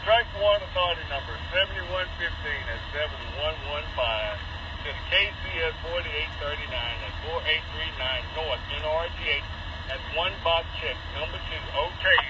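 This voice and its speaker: A man's voice: on the high side, normal speed. A man on a train crew speaking over a two-way radio, methodically reading numbers back digit by digit. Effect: two-way radio transmission. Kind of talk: radio procedure talk. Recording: muffled radio with engine noise.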